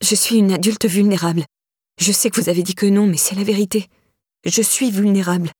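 A woman's voice: medium pitch, fairly even intonation, a little fast, a little mellow, breathy edge, no room sound, clean studio sound, close to an everyday voice. A woman voicing an anxious young woman questioned by the police, talking in a pleading, rising, panicky way. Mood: defensive.

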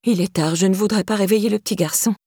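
A woman reading an audiobook voices a confused, frightened elderly woman who pleads and falters in a breathy voice. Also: medium pitch, fast talker, warm tone, no room sound, studio quality. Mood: pleading.

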